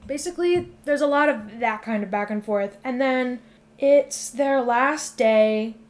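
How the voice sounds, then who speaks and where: A woman's voice: on the high side, measured pace. Laid-back woman recapping a film. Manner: relaxed, swears freely, recaps a plot loosely. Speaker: podcast host. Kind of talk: casual chat.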